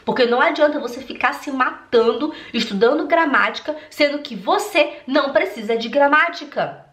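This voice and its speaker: Animated woman teacher, roomy echo. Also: high voice, moderate pace. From Brazil (Belém do Pará). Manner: animated, emphatic, addresses viewer directly, laughs easily. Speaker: German teacher and online course creator. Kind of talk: motivational talk to camera. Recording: roomy echoey room.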